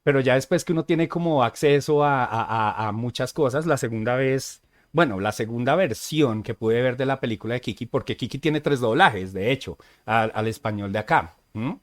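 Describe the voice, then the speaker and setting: A man co-hosting a casual podcast, chatty and easygoing, who often pauses on "eh" and checks in with "¿sí?". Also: mid-range voice. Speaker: podcast co-host.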